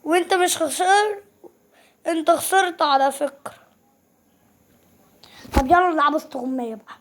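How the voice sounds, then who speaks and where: A woman with an Egyptian Arabic accent gives lively gameplay commentary in a high-pitched voice. She teases and taunts playfully, jumping between loud excited cries and quick low mutters. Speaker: gaming YouTuber.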